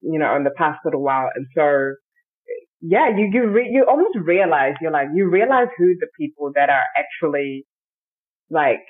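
Over tinny, phone-like audio, a podcast guest with a low, expressive voice and a breathy edge talks at normal speed. She's having a casual chat with a friend, playful and giggly throughout.

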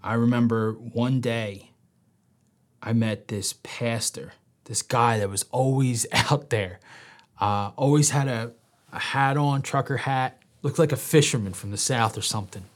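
A man's voice: medium pitch, a little slow. A man speaking in an interview, telling his own story candidly. He sometimes drops to a near whisper and acts out quoted voices with animation. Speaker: interview guest. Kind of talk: personal storytelling.

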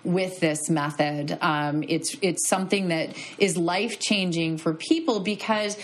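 A woman's voice: fairly low pitch, unhurried. A woman hosting a podcast as a divorce attorney, talking in an enthusiastic, affirming way. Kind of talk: conversational interview.

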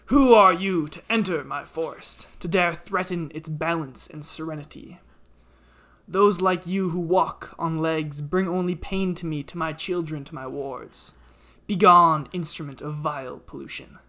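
Man voicing a stern talking tree, gravelly and loud. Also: fairly high pitch, unhurried. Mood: menacing, indignant. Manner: grave, challenging, archaic rhetorical speech. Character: ancient talking willow tree, stern guardian of its forest.

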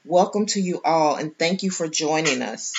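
A woman hosting a round-table podcast, introducing guests in a measured, formal way with some hesitations. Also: low voice, lively intonation, slight background noise. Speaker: host. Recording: dull lo-fi sound.

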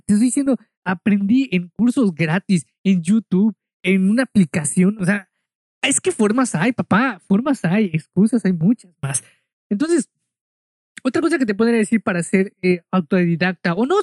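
A man's voice: high-pitched, darkish tone, dry recording, clean studio sound. A man from Mexico with a Mexican accent, casually telling a story in a monologue, chatty and full of asides, speaking straight to the listener.

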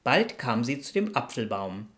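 Low bright lady reading a fairytale, lively tone. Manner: measured storytelling. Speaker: narrator. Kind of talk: fairytale narration in a radio play.

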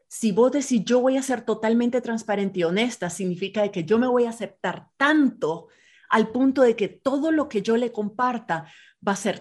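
A woman's voice: on the high side, a little mellow. A woman, a podcast host who explains her views point by point in a reflective, conversational way. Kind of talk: casual conversation.

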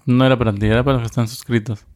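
A man's voice: mid-range voice, racing. A man co-hosting a podcast, chatting casually with jokes and rambling asides. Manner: relaxed, joking, rambling. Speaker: podcast co-host. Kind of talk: casual chat.

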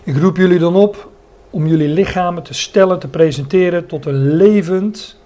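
A man's voice: high voice, normal speed, warm tone, muffled recording. A man preaching a Bible sermon, often stopping to search for words and restate a phrase, and explaining the meanings of Greek words.

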